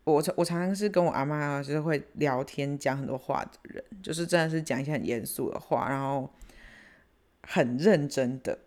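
Hosting a casual podcast, a woman with a Taiwanese accent animatedly retells a family story and switches into Hokkien along the way. Her voice sits low and she talks at a normal speed.

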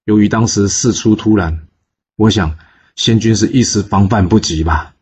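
A man's voice: lowish voice, normal speed, darkish tone, breathy edge. A man voicing a flustered, scheming ancient minister who speaks nervously and placatingly.

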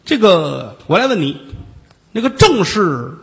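A man voicing a stern county magistrate who barks sharp questions. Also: high voice, very animated, measured pace, creaky, big-room sound, full character voice. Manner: barking commands, sharp questions.

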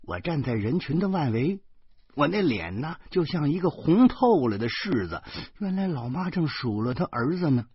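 Guy reading a story, chatty, pitch a bit high, dry flat recording. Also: normal speed, breathy edge, no room sound, dull audio. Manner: lively storytelling, colloquial. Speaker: narrator. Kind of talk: audiobook narration.

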